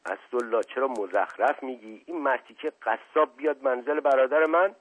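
A man voicing a pompous, irritable older family patriarch who mutters in hushed anger. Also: mid-range voice, slightly rough, lightly acted. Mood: angry hushed. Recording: tinny phone-like audio.

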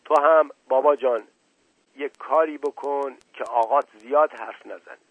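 A man reading aloud voices an anxious, folksy male household servant who talks with hushed worry. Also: medium pitch, no echo, natural voice, poor audio. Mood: worried, folksy. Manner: folksy, worried, speaks in hushed urgency.

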